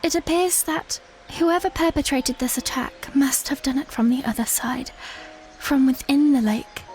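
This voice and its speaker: A woman playing a proud, defiant young princess in an audio drama, firm and measured, with formal phrasing. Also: sits high, darkish tone, faint music behind, lightly acted. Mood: grave, studious.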